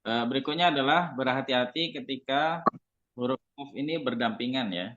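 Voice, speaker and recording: A man explaining Quran recitation rules in an unhurried way, with many fillers and tag questions. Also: mid-range voice, a bit bright. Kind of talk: explaining a tajwid lesson. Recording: dull lo-fi audio.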